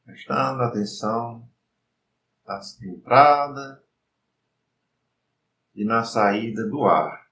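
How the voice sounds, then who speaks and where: A Brazilian man leads a guided breathing meditation in a calm, soothing voice of medium pitch. He speaks very slowly, leaving pauses between short instructions. The room adds noticeable echo to his words. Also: distant mic. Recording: roomy echo, faint background noise.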